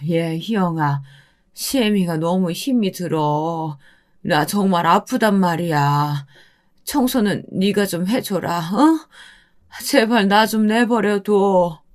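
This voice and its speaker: A woman's voice: lowish voice, slow. A woman voicing a weary mother in her sixties who pleads and scolds. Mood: weak pleading. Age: 60s.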